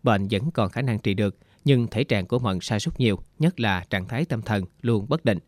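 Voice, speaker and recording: A man narrating an audiobook story in an even, unhurried reading. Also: on the low side, no echo.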